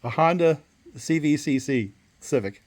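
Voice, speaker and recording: A man's voice: on the high side, animated, measured pace, a little mellow. A man chatting and bantering casually and unscripted as a hobbyist co-host. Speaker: fellow chainsaw hobbyist and co-host.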